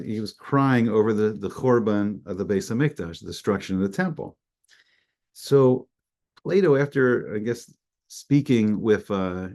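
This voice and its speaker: A man's voice: fairly low pitch, a little mellow. A man teaching an informal Torah class, talking conversationally with many restarts and fillers and mixing in Hebrew terms. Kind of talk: casual online Torah class.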